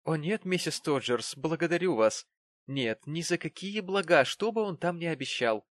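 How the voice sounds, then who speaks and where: A man's voice: a little high, lively intonation, brisk, a bit bright, no echo. A man doing a haughty, sulky young woman. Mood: indignant. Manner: curt, indignant.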